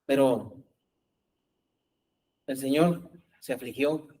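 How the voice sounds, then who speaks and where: A man's voice: medium pitch, very slow, dark tone, slightly rough, low-quality recording. A man preaching a sermon as pastor, talking conversationally and often asking his congregation rhetorical questions.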